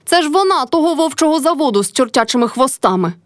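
A woman voicing an old, cantankerous peasant mother-in-law who shouts and wails in a storybook reading. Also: sits high, lively intonation, fast talker, no room sound, clean studio sound, voice pushed up. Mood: angry shouting. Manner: wailing, cursing.

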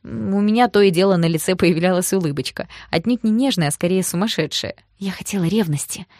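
Woman, lower voice, lively first-person audiobook narration, dry close mic. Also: quick pace, no room sound.

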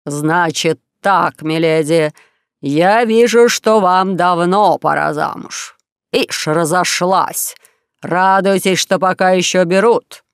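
Reader voices a jovial storybook king, coaxing and bossy, slow and loud; dry studio sound. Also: medium pitch, creaky, clean tone, dry recording. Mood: scolding. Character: male king, jovial and pushy matchmaker. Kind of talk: audiobook character voice.

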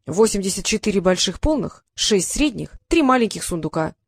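A woman's voice: mid-range voice, sing-song, moderate pace, no room sound. A woman voicing a boastful, pedantic male dragon who loves riddles, speaking in a raised, emphatic, pompous way.

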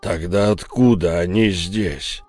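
A man doing a gruff, burly enforcer. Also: low voice, darkish tone, no echo, soft background music, pitched below the performer's own voice. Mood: angry. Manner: angry, slow and commanding. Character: hot-tempered burly male enforcer.

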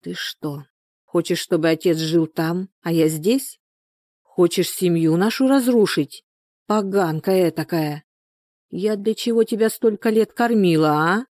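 A woman's voice: medium pitch, a little slow, darkish tone, dry recording, clean studio sound, close to an everyday voice. A woman reading the part of a hot-tempered village wife and mother who scolds sharply. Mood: scolding.

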